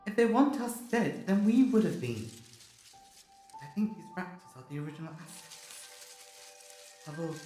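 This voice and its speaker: A quick-witted, whimsical alien adventurer played by a man in a sci-fi audio drama. He is theatrical and resolute, his pitch leaping about over background music. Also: animated, warm tone. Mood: urgent, resolute. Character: clever, whimsical, resolute male time-travelling alien adventurer.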